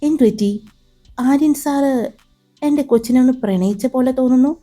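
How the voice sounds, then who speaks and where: A worried, fussing motherly woman in an audio love story, voiced by a woman narrator. She asks anxious questions in a high, mellow voice. Faint music plays underneath. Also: normal speed. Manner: fretful, questioning.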